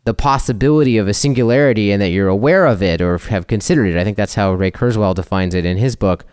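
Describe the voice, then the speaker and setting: A man's voice: on the low side, fast, darkish tone, clean tone. A man co-hosting a podcast, talking through ideas in a reflective, explanatory, conversational way. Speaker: podcast co-host. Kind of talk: conversational discussion.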